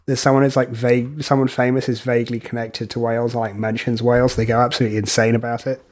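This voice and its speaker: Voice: mid-range voice, quick pace. A speaker on a podcast, joking sardonically in casual chat with friends. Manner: animated, sardonic joker.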